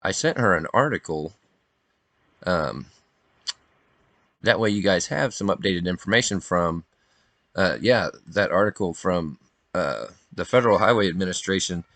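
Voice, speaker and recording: A man's voice: low voice, animated, measured pace, pauses often, a bit bright, dry recording. A man talking casually and informally in an earnest, rambling way. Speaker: individual drone operator and video maker.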